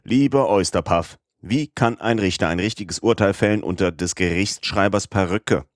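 A man's voice: low voice, moderate pace, no room sound, clean studio sound, close to an everyday voice. Man reading as a stern older judge. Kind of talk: audiobook character reading.

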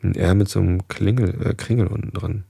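A man with a very low, gravelly voice reads a children's book aloud at an easy pace. His tone is dark and a little husky, and he trips over words and corrects himself as he goes. The close microphone leaves the sound dry. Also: steady tone, a little fast, no room sound. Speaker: reader. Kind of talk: reading a children's book aloud with casual asides. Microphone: desk microphone.

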